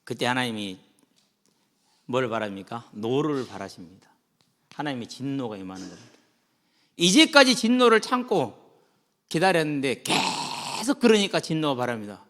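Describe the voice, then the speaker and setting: A man preaching a sermon to students as their pastor, animated, swinging between soft low passages and loud high ones. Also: normal speed, pauses often. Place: church sanctuary. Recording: long hall reverb.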